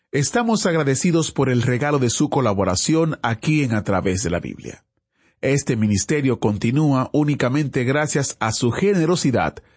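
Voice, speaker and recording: A man's voice: mid-range voice, a little mellow, no room sound. A man announcing the close of a radio program and making a polite, formal appeal for donations. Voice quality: husky.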